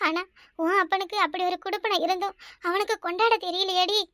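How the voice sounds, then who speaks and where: A woman doing a shrill, scolding village mother. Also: fairly even intonation, pushed and bright, no echo, studio quality. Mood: lamenting. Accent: Kanyakumari Tamil. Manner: shrill scolding, threatening, rapid-fire. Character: harsh, worn-out village mother, scolding and bitter. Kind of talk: cartoon voice acting.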